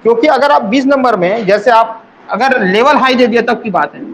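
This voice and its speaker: Man, coaching teacher, very high voice, repeats points, rhetorical questions. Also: moderate pace, fairly bright tone, rough recording. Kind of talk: exam coaching class.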